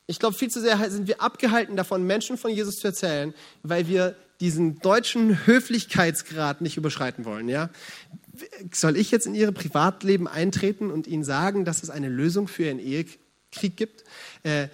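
A young man preaching a sermon at a church service, animated and encouraging, with rhetorical questions to the congregation. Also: high voice, normal speed. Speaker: pastor.

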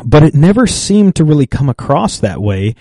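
This podcast co-host has a fairly high, sing-song voice with a warm tone, recorded at studio quality with no echo. Chatting casually about faith and finance, he thinks out loud, halting and thoughtful, restarting often and using many fillers.

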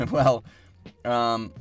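A man co-hosting a podcast in a relaxed, laid-back way, heard over a choppy call connection that keeps cutting out. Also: mid-range voice, very slow, faint music behind. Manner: laid-back, chuckles often. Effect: choppy call audio cutting out. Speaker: podcast co-host. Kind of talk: casual chat. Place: closet.

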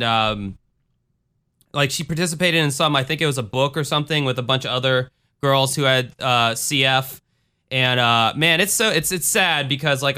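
A man's voice: medium pitch, pushed and bright, smooth. A man hosting a podcast in a casual, informal, conversational style, sometimes reading aloud. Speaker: podcast host.

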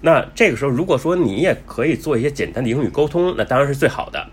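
Male travel vlogger, husky, lively pitch, chatty with lots of fillers. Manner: chatty, many fillers and restarts; says he talks fast. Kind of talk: casual explanatory talk.

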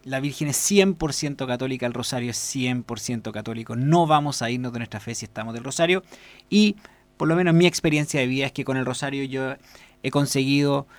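Earnest radio host, dry sound. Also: male voice, mid-range voice, normal speed, no echo. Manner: unscripted, frequent fillers and restarts, earnest recommending. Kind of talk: casual spoken commentary.

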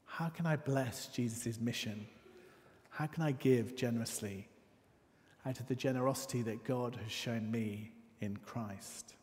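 A man giving a sermon in a church, telling a personal story with dramatic pauses and hushed asides. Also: medium pitch. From north of England. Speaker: preacher. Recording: church hall with long reverb.

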